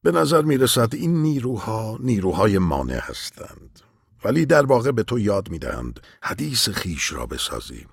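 A man narrating an audiobook in a measured, expressive reading voice. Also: low-pitched, vocal fry, husky, dry recording, studio quality. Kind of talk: scripted narration.

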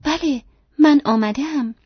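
A woman's voice: high voice, husky, no room sound, pitched above the performer's own voice. A woman voicing a devoted, tender young woman, earnest and reassuring, in a dry, dull lo-fi recording.

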